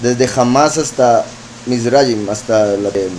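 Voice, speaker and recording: A man's voice: medium pitch, slow pace, a little mellow, a little hiss or hum, rough recording. A man preaching, reading verses aloud and explaining them with frequent asides. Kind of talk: scripture teaching.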